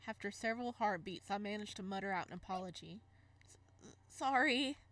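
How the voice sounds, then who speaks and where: Talking fast in a medium-pitched voice, a woman reads a visual novel aloud as a let's play, reacting casually, giggling and tripping over words.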